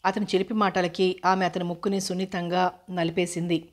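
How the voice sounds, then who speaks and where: A woman reading a novel aloud in a steady, even voice. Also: fairly low pitch, fairly quick. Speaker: audiobook narrator.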